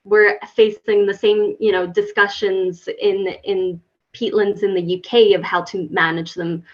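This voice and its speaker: A woman researcher speaks on an online webinar panel, circling back and restarting her sentences as she thinks. Her voice sits at a middle pitch. The call audio is somewhat dull and lo-fi. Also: flat delivery, unhurried. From Finland. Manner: hesitant, many restarts and fillers. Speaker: guest scientist. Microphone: video call.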